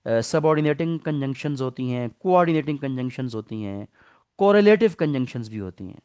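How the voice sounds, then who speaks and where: A man's voice: mid-range voice, expressive, a little fast, mellow, clear, resonant tone. A middle-aged man with a Pakistani Urdu accent, lecturing an online English class, patiently explaining grammar and asking the students questions. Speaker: English teacher.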